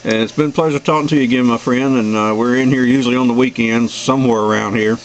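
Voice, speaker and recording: A middle-aged or older American amateur radio operator chats in a friendly, folksy way during a casual contact, with warm sign-offs. He talks fast in a mid-range voice with fairly even intonation. The audio from his noisy radio shack sounds dull.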